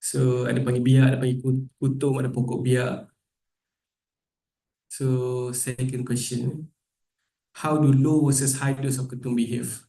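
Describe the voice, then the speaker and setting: A man's voice: medium pitch, flat delivery, moderate pace, vocal fry, long pauses, mellow. A man with a Malaysian accent presents and quizzes an audience informally, casually switching between English and Malay with local slang particles. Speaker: presenter giving a medical talk. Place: meeting room. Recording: echoey room, picked up from a distance.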